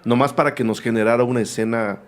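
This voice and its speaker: A man's voice: mid-range voice, steady tone, fast talker, slight background noise. A man hosting a film show, interviewing a director in a chatty way with rambling asides. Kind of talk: casual interview conversation.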